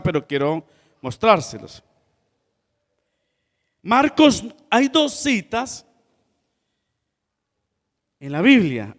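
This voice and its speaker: A man preaching a sermon as pastor, telling a story in a relaxed way with laughter and acted-out voices. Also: high-pitched, in a large hall.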